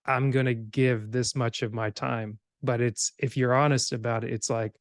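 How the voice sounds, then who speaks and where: Born in Cameroon and raised in Georgia in the USA, this man hosts a casual podcast conversation, rambling informally and slipping into imagined remarks. He has a medium-pitched voice with a level tone, speaks at normal speed, and there is no room sound.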